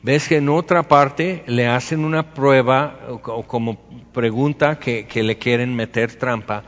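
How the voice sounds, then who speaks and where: A male preacher with a Mexican accent talks through scripture like a chat with friends, tossing in asides and rhetorical questions. His mid-pitched voice carries a long reverb from a large hall, and the sound is dull. The delivery feels relaxed and conversational. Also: unhurried. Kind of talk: conversational Bible teaching.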